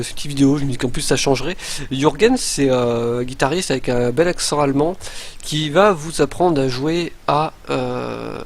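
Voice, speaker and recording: Brief: man streamer, casual rambling chat, mid pitch. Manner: rambling, hesitant, chatty.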